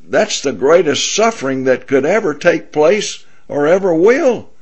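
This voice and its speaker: A man teaching a Bible lesson in question-and-answer form, speaking deliberately and rising in emphasis when he reads scripture. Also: on the high side, animated, slightly rough. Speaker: preacher.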